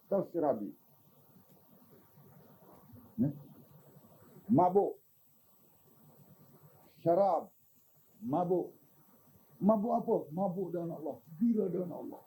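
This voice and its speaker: An older man giving an informal religious talk, animated and teasing, often asking his listeners questions. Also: sits high, a little hiss or hum, rough recording. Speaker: religious teacher.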